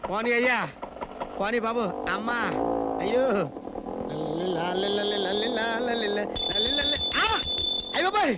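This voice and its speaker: A man's voice: extremely high pitch, sing-song, moderate pace, long pauses, loud music behind the voice, rough recording. An actor playing a panicky, meddling comic man who wails and pleads in melodramatic outbursts. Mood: wailing, pleading. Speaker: comic lead in a film. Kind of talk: slapstick film comedy.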